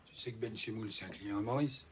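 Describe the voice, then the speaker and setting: A man's voice: on the low side, fast, a little hiss or hum, lightly acted. An actor playing a strict male boss scolding an employee. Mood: angry. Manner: scolding, interrogating.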